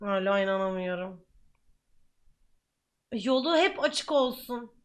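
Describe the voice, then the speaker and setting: A young adult woman streamer giving chatty, excitable reaction commentary with lots of exclamations. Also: mid-range voice, slow.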